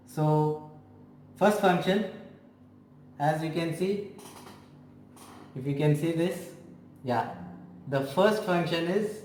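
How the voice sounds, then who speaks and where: A man with a fairly high voice lectures on anatomy, repeating himself and restarting phrases as he explains each point. His voice rings in an echoey room with a faint hum behind. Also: a little mellow. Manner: slow, repetitive explaining with frequent restarts. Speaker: physiotherapy teacher.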